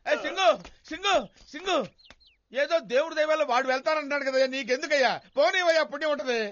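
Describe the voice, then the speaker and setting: A man's voice: very high-pitched, brisk, a bit bright. A man dubbing a flustered, exasperated brother-in-law in a comedy film. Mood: fussing. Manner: exasperated, fussing. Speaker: dubbing actor. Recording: dull film audio with music.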